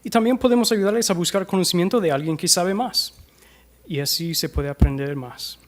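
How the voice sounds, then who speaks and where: American man giving a hesitant talk. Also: high-pitched. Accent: American English. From United States. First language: English. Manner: hesitant, many filler sounds, slows down to demonstrate pronunciation. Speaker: conference speaker. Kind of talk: conference talk on language teaching. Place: conference hall. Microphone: microphone.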